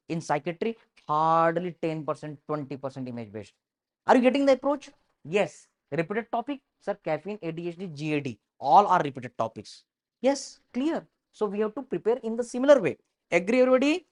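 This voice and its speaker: Slow, emphatic Indian woman teaching. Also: lowish voice. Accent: Indian English. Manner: emphatic, repeats key points, addresses students as "beta". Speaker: medical entrance exam teacher. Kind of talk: online exam-prep lecture mixing Hindi and English.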